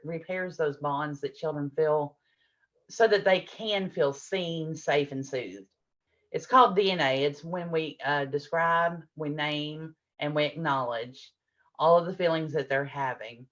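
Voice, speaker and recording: Low-voiced woman teaching a parenting class. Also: unhurried, highs cut off. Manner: warm explanatory, acts out adult and child lines. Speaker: parenting workshop presenter.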